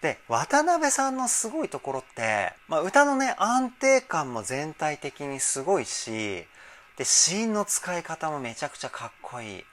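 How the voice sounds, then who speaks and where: With a fairly high pitch and an ordinary pace, this vocal trainer casually and enthusiastically dissects a music video's vocals. He keeps interrupting himself with thrilled remarks as he goes.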